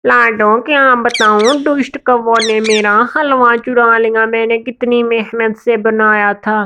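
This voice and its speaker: Gullible wailing cartoon parrot lady, a woman voicing her, high, slow, lo-fi. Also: fairly even intonation, bright, forceful tone, smooth. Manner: wailing, lamenting.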